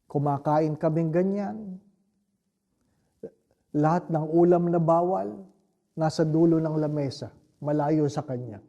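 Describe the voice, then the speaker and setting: A man with a Filipino accent, a priest giving a homily, telling a story slowly and reflectively and often turning to the listeners with rhetorical questions. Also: on the high side, warm tone. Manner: slow, reflective storytelling with frequent rhetorical asides.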